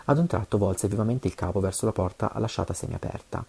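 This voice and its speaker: Fast, low-voiced man reading a novel. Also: vocal fry, warm tone, slightly rough. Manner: occasional stumbles and self-corrections. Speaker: audiobook reader.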